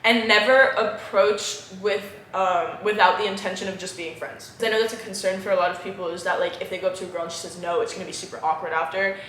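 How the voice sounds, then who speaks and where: A bright, crisp young woman in her late teens hosts a casual Q&A, telling quick, animated stories full of swearing and laughter. Her voice carries in an echoey room with a faint hiss behind it. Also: medium pitch. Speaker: channel host. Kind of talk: casual chat, Q&A with friends.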